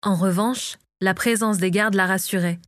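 A woman narrating a fantasy audiobook in a calm, measured storytelling manner. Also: mid-range voice, dry recording, studio quality. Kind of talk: scripted narration of a fantasy novel.

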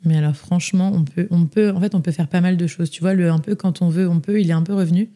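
A woman's voice: on the low side, fairly even intonation, quick pace, warm tone. A young woman telling her story as a podcast guest, chatty, with many fillers and restarts. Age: young adult. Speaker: interview guest. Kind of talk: casual podcast interview.

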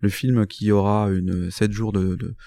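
A man hosting a casual interview, asking relaxed, rambling questions full of fillers. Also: fairly low pitch, a little slow.

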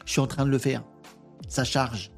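A man's voice: mid-range voice, level tone, moderate pace, vocal fry, faint music behind. A man hosting a live stream in casual chat, joking and thinking aloud with many fillers as he works at his computer. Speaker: live show host.

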